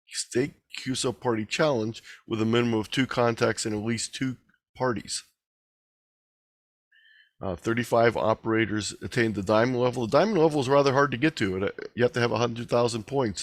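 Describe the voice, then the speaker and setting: In an online video meeting, a man presents an amateur radio talk informally, explaining things and reading out figures conversationally. His voice sits at medium pitch, and the studio sound is clean with no echo.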